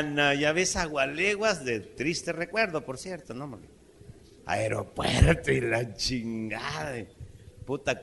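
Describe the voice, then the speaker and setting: Cómico mexicano malhablado de voz brillante. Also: male voice, medium pitch, vocal fry, a little hiss or hum. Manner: profane, rowdy, animated. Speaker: stand-up comedian. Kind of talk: crude live stand-up storytelling.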